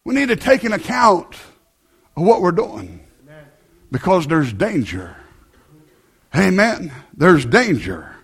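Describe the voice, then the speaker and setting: High-voiced man preaching a fiery sermon. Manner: preaching with frequent "uh" and "amen", rising to shouts.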